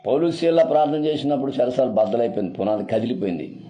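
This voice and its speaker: A man's voice: medium pitch, animated, fast, dark tone, muffled recording. A man preaching a sermon as a pastor, emphatic and repeating his phrases for weight.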